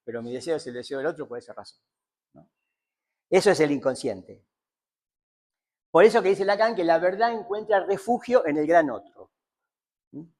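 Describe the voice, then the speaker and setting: A man's voice: a little high, animated, moderate pace, pauses often, darkish tone. A man giving a seminar lecture on psychoanalysis, thinking aloud with many fillers and repeated tag questions.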